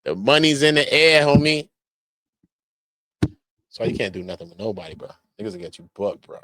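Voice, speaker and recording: This American man has a fairly low, slightly bright voice and an animated, moderate pace, caught on a dry, low-quality recording. He offers casual street-slang commentary on criminal cases, reading documents aloud at times and repeating his verbal tags emphatically.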